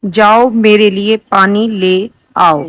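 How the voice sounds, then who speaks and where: Woman, lesson prompt reader, plain mid voice, flat even delivery, dry recording. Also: medium pitch, no echo. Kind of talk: reading example sentences.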